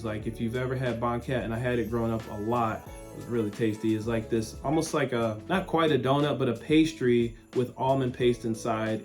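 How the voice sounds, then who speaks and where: A man's voice: medium pitch, a little mellow. Chatty man hosting a local vlog. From West Michigan. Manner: chatty, upbeat, informal. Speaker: local host of a relocation channel. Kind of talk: casual vlog talk to camera.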